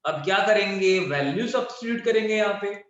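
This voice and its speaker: A man's voice: sits high, lively intonation, fast, a bit bright. A man teaching a math class online, mixing Indian-accented English into Hindi and checking in often with his students. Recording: very echoey, dull lo-fi.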